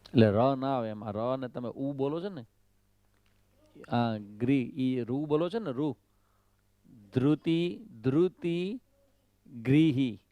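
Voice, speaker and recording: A man's voice: medium pitch, slow, long pauses, dark tone, no echo. A swami teaching correct Sanskrit pronunciation of the Gita, drilling syllables over and over, questioning his students and slipping in English phrases. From Kutch, Gujarat.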